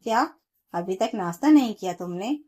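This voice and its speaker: A woman's voice: mid-range voice, lively intonation, moderate pace, darkish tone, lightly acted. A woman storyteller voicing a stern, bossy mother-in-law who scolds her daughter-in-law. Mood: scolding.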